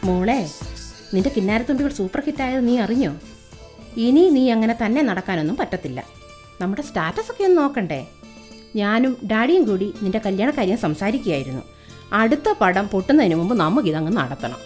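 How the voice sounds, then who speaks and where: A woman's voice: medium pitch, big pitch swings, brisk, a little mellow, natural voice. A woman voicing a sarcastic middle-aged wife and mother who scolds her husband, with faint music behind. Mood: fussing.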